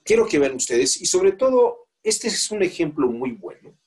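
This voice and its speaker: A man's voice: fairly high pitch, big pitch swings, normal speed, a little mellow. A man with a Mexican accent teaching a law class, asking the students questions and coaxing volunteers to read aloud. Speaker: law course instructor. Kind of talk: classroom lecture.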